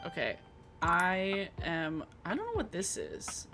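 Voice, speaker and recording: A woman's voice: on the low side, wildly swooping pitch, takes it slowly. A woman giving casual commentary as she plays a video game. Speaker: gamer reacting to a playthrough. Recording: music playing under the voice. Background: game music.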